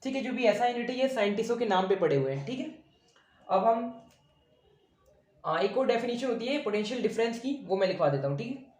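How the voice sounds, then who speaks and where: A man's voice: very high-pitched, animated, a little fast, pauses often, darkish tone. A male teacher giving a blackboard science lesson, asking the class questions, answering them himself, and patiently repeating each point. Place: room with a board he writes on and erases. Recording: echoey room.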